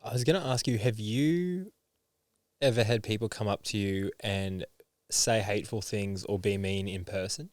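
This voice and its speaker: A man hosting a podcast, asking questions quietly and affirming his guest. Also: fairly low pitch, normal speed, no room sound. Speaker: podcast host. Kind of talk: interview questions.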